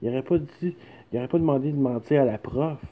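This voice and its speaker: A son with a Quebec French accent makes a rambling, insistent personal plea to his mother, repeatedly checking that he's understood. His medium-pitched voice is dark in tone and fast.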